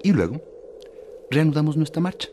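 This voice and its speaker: A man playing an earnest, excitable hiker lost in the woods in a children's audio drama. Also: on the high side, moderate pace, a little hiss or hum, lightly acted. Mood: storytelling.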